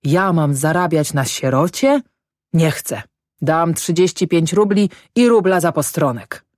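A woman reading an audiobook and voicing a drunk, quarrelsome peasant man who blusters and shouts, in a dry, close sound. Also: deep voice, a little slow, no room sound. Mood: blustering. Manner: blustering, shouting, fist-pounding.

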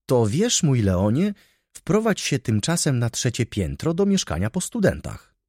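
A man doing a fretful, flustered baroness, pitched above his own low voice. The voice is husky and agitated, swinging up on each plea. Close, dry recording. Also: huge pitch swings, measured pace, darkish tone, no echo, exaggerated voice. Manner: agitated, pleading. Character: flustered, anxious noble lady, baroness.

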